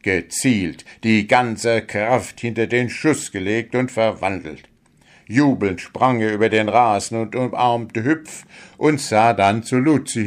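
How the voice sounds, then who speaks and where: A man narrating a children's story in a slow, measured way. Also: lowish voice.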